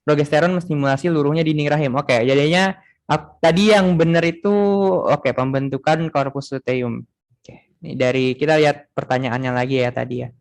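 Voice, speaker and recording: A man's voice: fairly high pitch, steady tone, brisk. A young man tutoring a class online in a casual way, thinking aloud with many fillers and restarts.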